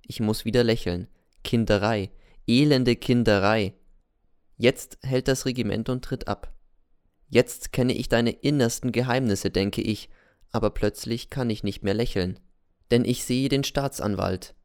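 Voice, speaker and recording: Male audiobook narrator, resonant and clear, mid-pitched, introspective. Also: darkish tone, dry recording, studio quality. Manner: measured, introspective first-person telling.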